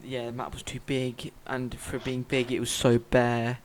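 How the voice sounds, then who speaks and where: A man's voice: mid-range voice, completely flat delivery, unhurried, crowd noise, low-quality recording. Blunt young man ranking games. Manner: blunt, swears freely. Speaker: gaming YouTuber. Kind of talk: casual chat. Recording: faint noise with clicks.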